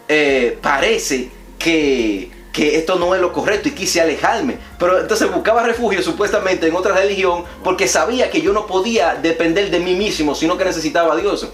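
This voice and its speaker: Man, evangelist guest, higher voice, earnest preachy storytelling; echoey room. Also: fairly bright tone. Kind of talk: testimony in casual conversation.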